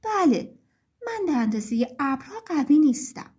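A woman's voice: high voice, sing-song, a little mellow. A woman voicing the sun as a proud, boastful figure in a storybook.

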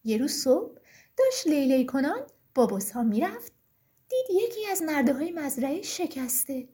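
A woman narrating a children's story in an expressive, sing-song reading. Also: high-pitched.

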